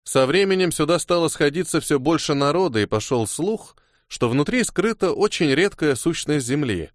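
A man voicing a calm, knowing young male hero in an audiobook, matter-of-fact. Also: a little high, moderate pace, no room sound, clean studio sound, close to an everyday voice.

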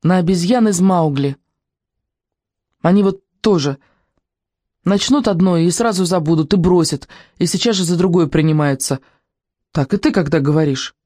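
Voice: mid-range voice, moderate pace, pauses often, a little mellow, dry recording, studio quality, lightly acted. A reader voicing Natasha, an earnest, enthusiastic young girl in an audiobook who loves books and drawing. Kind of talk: audiobook character reading.

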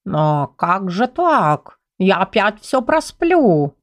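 A woman voicing a grumpy, lazy male house cat who drawls his sulky complaints in a slightly lowered voice. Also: big pitch swings, slow, dry recording.

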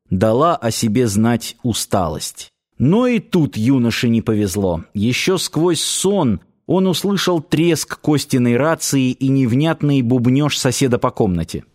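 A man narrates a novel in an audiobook, reading steadily and evenly. His voice sits at an ordinary middle pitch. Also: a little mellow.

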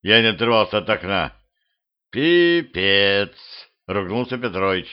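A man reading a humorous first-person audiobook in a dry, deadpan manner. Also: on the low side, normal speed. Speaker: audiobook narrator. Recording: muffled lo-fi home recording.

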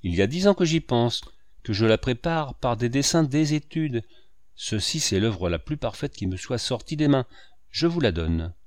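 A man's voice: mid-range voice, expressive, normal speed, a little mellow, no room sound, studio quality, natural voice. A man reading the part of an impassioned painter who speaks earnestly and with emphasis. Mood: proud. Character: proud, impassioned male painter, hurt and pleading.

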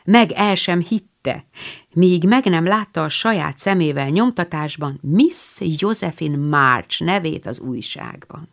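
Woman reading an audiobook, lowish voice, lots of pitch swing, storyteller. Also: expressive. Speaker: audiobook narrator. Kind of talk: scripted narration.

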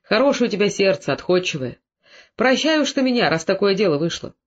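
Brief: man voicing plain-spoken earnest village father, higher voice, muffled audio. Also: very animated, a little fast. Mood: conciliatory. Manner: forthright, earnest. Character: older Cossack father, blunt and remorseful. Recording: dull lo-fi recording.

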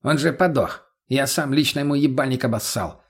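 Smirking crude addict, mumbling and lazy, played by the reader. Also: male voice, a little high, animated, normal speed, breathy edge.

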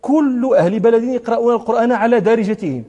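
A man's voice: very high-pitched, fast talker, dark tone, long reverb tail, dull audio. A man teaching a religious lesson, emphatic, repeating words for stress and chanting his quotations. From Morocco. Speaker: sheikh teaching hadith commentary.

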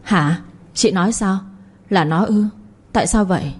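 A woman voicing a harsh, domineering older mother-in-law who shouts insults at her household. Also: medium pitch, a little slow, husky. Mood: shocked.

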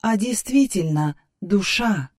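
A capricious AI companion, as voiced by a woman, lives in the hero's head in this audiobook. She speaks slowly and softly, in a mellow, darkish tone, musing and wheedling by turns. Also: medium pitch, animated. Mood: pensive. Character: capricious female AI partner inside a man's head. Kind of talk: audiobook character voice.

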